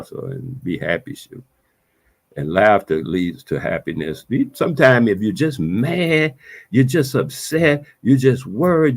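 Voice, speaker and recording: Man, solo vlog monologue; animated, sing-song emphasis, preachy and repetitive, relaxed street-casual phrasing. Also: fairly low pitch. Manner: casual vernacular. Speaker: vlogger. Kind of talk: reflective monologue.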